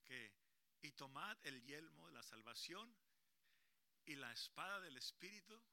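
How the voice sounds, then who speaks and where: A man preaching as a pastor at a church service, animated and calling on the children and congregation to repeat after him. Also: on the high side, measured pace, vocal fry, no room sound. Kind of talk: lively bilingual sermon to a congregation.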